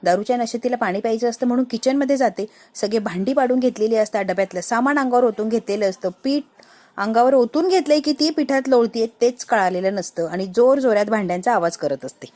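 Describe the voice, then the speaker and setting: Animated woman recapping a soap episode. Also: a little high, fast talker. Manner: animated, repeats phrases. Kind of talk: casual serial episode recap.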